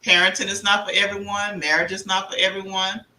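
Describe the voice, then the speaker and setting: Direct co-host woman, very bright tone. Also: medium pitch, flat delivery, fairly quick, a little hiss or hum, low-quality recording. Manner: direct, advising.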